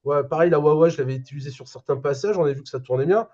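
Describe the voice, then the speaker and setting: Man, guitarist, quick, animated, mellow tone, dull lo-fi sound. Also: fairly high pitch. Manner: animated, lots of restarts. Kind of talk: casual band interview.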